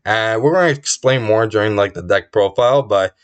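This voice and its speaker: A man hosting his channel, giving upbeat play-by-play commentary on a card game match, quick to call each move nice or not bad, while losing his voice. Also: fairly low pitch, smooth. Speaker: channel host.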